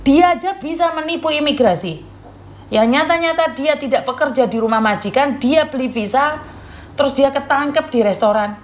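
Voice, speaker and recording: A woman's voice: sits high, lively intonation, normal speed. A woman host, sternly lecturing her audience and repeating warnings. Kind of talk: lecturing live chat.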